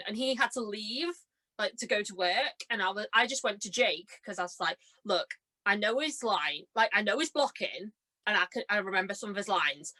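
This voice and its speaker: In a mid-range voice, a young adult woman chats casually as a podcast guest, drawing on her work as a stage and radio drama performer. Her anecdotes come out animated, giggly and self-deprecating, with bits of dialogue acted out.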